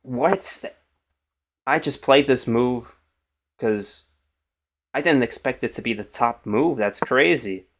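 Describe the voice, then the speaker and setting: A man's voice: medium pitch, a little slow, a bit bright. A tired young man with a morning voice, thinking aloud as he streams chess and trails off into mumbles. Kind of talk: casual live-stream commentary.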